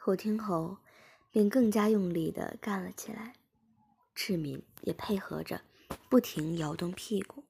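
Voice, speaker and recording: Woman narrating in hushed whispered role-play. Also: mid-range voice, a little slow, vocal fry, breathy edge. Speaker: story reader.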